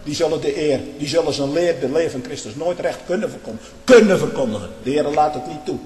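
A fiery male preacher with a somewhat high voice, thundering one moment and muttering the next. His voice rings through a large hall with a long, echoing tail. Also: fairly even intonation, fast. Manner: fiery and emphatic, swings from loud outbursts to low muttering. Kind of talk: impassioned sermon-style monologue. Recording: echoey hall with long reverb.

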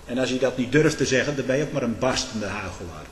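A man's voice: expressive, fast. Fiery preacher man in an echoey hall. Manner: swings from low muttering to shouting; asks "hè?" and "hm?" to the listeners. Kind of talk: fiery sermon. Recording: echoey hall with long reverb.

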